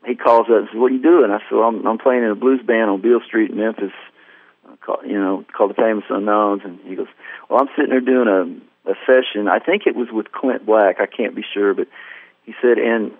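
Over a tinny phone line, a man who is a guest musician spins a long story in a casual interview, rambling and poking fun at himself while voicing the people he met. He speaks a little fast in a lowish, steady voice, recorded dry and close.

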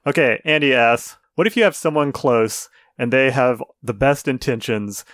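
A man co-hosting a podcast, relaxed and easily amused in casual chat. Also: medium pitch, normal speed, no echo, clean studio sound. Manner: laid-back, easily amused. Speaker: podcast co-host.

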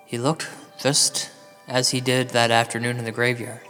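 A man's voice: medium pitch, flat delivery, normal speed, pushed and bright, faint music behind, close to an everyday voice. A man playing an ominous late-night paranormal host, cavernous reverb. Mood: ominous, wry storytelling. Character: paranoid, self-pitying male paranormal radio host telling ghost stories. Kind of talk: scripted audio drama monologue, ominous late-night radio storytelling. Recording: long hall-like reverb.

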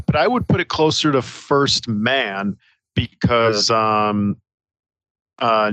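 Calm, measured man chatting about film. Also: medium pitch, no echo, poor audio. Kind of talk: casual film discussion.

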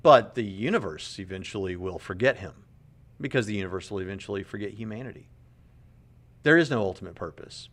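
A man in his late thirties comments on a podcast clip for apologetics commentary, earnest and conversational, often repeating words as he reasons aloud. His voice sits on the low side, with lively intonation and a slightly fast pace.

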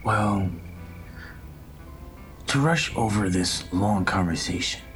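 Storyteller, male, whispered role-play, slow and low, music bed behind. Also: a bit bright. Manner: whispered, slow first-person telling.

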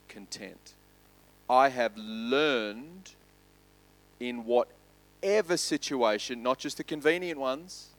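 A male pastor with a medium-pitched voice preaches a sermon, growing loud and quick as he runs through lists, then dropping to soft, slow emphasis.

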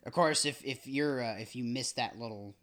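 A man's voice: medium pitch, normal speed, fairly bright tone. Rambling, joking male podcast host. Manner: joking, rambling, self-deprecating. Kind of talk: casual podcast chat.

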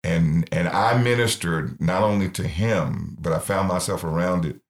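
A man's voice: low-pitched, normal speed. A middle-aged man, founder of a ministry, earnestly telling his life story in an interview and acting out the voices he quotes. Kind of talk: personal testimony in interview.

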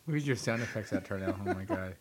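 A man's voice: deep voice, quick pace, a loud crowd. A young man in a casual podcast chat, arguing with exasperation. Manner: exasperated, argumentative. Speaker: podcast co-host.

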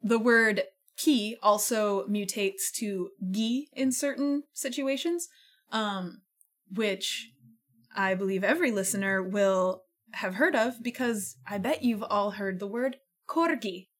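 This woman speaks slowly in a mid-range voice with lively intonation. She hosts a radio show out of a living room studio, chatting casually, explaining words with patience and laughing frequently.

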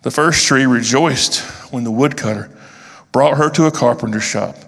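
A man reading a storybook aloud, slow and with deliberate pauses. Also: mid-range voice, gravelly. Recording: long reverb of a large hall.

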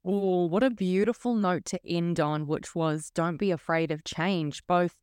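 A woman's voice: on the low side, steady tone, unhurried, darkish tone, clean tone, dry recording, studio quality. A woman podcast host with a broad New Zealand accent, speaking informally and effusively as she interviews.

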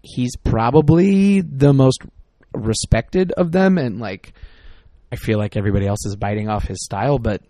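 In a warm, mid-range voice at a moderate pace, a middle-aged podcast co-host chats casually, rambling, exasperated and often interrupting himself mid-word. The studio-quality recording has no echo.

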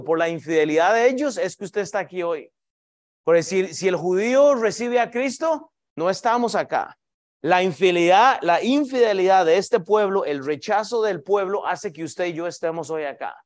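A man, a pastor, preaching a sermon in a church, addressing the congregation as brothers and sisters, asking questions and answering them himself, with frequent restarts. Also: high-pitched. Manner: preaching with frequent "hermanos" asides and repeated restarts.

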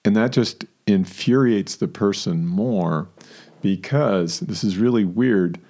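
A man with a very deep voice co-hosts a relaxed conversation. His tone is mellow and dark. He chuckles often and slips into quoted lines as he explains. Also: takes it slowly. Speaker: podcast co-host. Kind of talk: casual conversational talk.

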